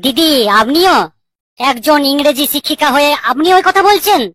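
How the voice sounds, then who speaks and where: In a dry recording, a voice actor plays a new male schoolmaster in a cartoon who corrects everyone's English, sounding exasperated and incredulous. The voice is high-pitched and expressive, fairly bright, at a normal speed.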